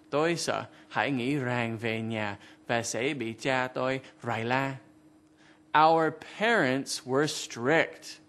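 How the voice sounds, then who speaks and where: A man explaining English word meanings in a TV lesson, carefully reading example sentences and their translations. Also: medium pitch. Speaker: English vocabulary teacher.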